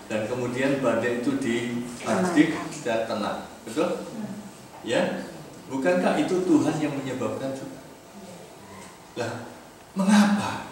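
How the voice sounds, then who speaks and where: Indonesian preacher, echoing hall. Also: male voice, medium pitch. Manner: lively, asks the audience questions often. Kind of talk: sermon. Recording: echoey hall from far off, noisy.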